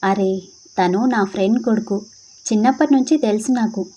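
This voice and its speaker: A woman's voice: mid-range voice, normal speed, dark tone, lo-fi sound, close to an everyday voice. A woman voicing a strict middle-aged father in a told story, speaking firmly. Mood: calm. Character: stern middle-aged father, quick to scold.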